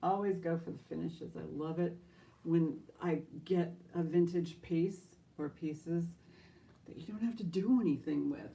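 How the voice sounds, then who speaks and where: Gravelly, low-voiced woman auctioneer. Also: unhurried, warm tone. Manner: chatty, enthusiastic, talks to herself while handling items. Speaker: live auction host.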